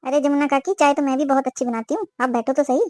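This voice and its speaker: A woman's voice: sits high, fast, dry recording, lightly acted. A woman voicing a suspicious, scolding middle-aged mother-in-law in a cartoon. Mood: friendly. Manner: scolding, complaining. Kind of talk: cartoon voice acting.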